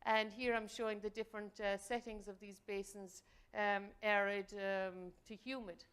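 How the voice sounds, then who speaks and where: Smooth-voiced hesitant woman presenter. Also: mid-range voice, flat delivery, moderate pace, fairly bright tone. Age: middle-aged. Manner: hesitant, many fillers. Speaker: invited speaker. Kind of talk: academic presentation.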